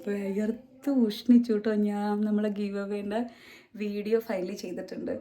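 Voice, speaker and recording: A woman's voice: mid-range voice, little pitch movement, moderate pace, warm tone. A woman in her thirties chatting casually to camera at home as a family vlogger, rambling along with many hesitant filler sounds. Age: 30s.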